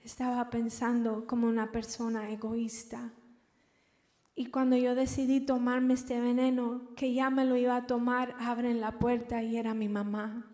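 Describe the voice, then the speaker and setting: A young woman giving an emotional personal testimony in church, halting and repeating words as she recounts. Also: fairly high pitch, mellow. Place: large church hall. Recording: reverberant church hall.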